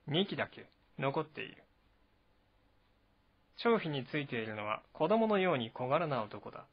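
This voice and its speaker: Man, reading a historical novel aloud at first sight, steady and even, occasional restarts, mid pitch, dull lo-fi recording. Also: normal speed.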